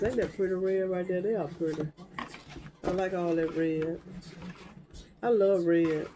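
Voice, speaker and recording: A woman's voice: on the low side, noisy background. An older woman, rambling casually to her viewers in a crafting vlog as she sorts through her supplies. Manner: rambling, talking to herself while sorting crafts. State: stuffy nose. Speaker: crafting vlogger.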